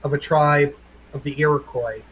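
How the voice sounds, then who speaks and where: A man's voice: on the high side, fairly even intonation, normal speed, a bit bright, lo-fi sound, slight background noise. A man playing a tabletop role-playing game, talking casually and joking with the group. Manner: casual, jokey. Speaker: player.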